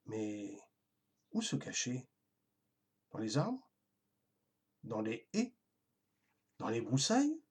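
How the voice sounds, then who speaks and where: A storyteller giving a gentle, expressive scripted narration of a children's tale, with a husky voice. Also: medium pitch, slow, pauses often.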